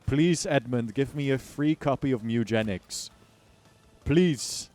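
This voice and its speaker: Over background music, an American game streamer speaks slowly at a medium pitch with a slightly mellow tone. His casual gaming chat mixes slang jokes with mock-exaggerated complaints.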